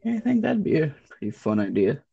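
Brief: gravelly, husky male co-host, jokey, pitch swinging all over. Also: wildly swooping pitch, fairly quick, mellow, distant mic, muffled recording. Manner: joking, goofy, jumps into squeaky high bits. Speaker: podcast co-host. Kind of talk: casual joking podcast chat.

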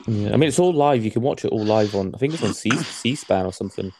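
A young man in casual chat, rambling and halting, swearing often. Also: fairly low pitch, lively intonation, background noise.

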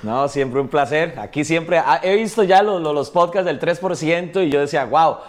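A man's voice: a little high, normal speed. A man with a Costa Rican accent, a guest in a casual interview, telling his story in a chatty way with frequent tag questions. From Costa Rica.

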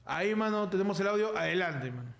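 A man's voice: sits high, expressive, quick pace, creaky, a bit bright. A Peruvian man co-hosting a casual comedy chat, talking in slang and repeating phrases for emphasis. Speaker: podcast co-host.

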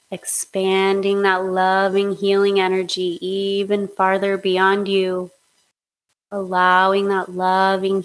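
A woman leading a guided hypnosis meditation in a slow, soothing, steady way. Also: mid-range voice, poor audio. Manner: slow, soothing, monotone guidance.

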